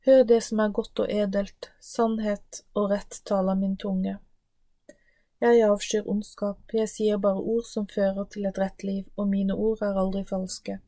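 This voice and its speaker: Ancient personified Wisdom, voiced by a woman in a scripture reading, proclaiming in a solemn, declaiming manner. The delivery is level with little melody, mellow and dry. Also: medium pitch, level tone, no room sound, close to an everyday voice.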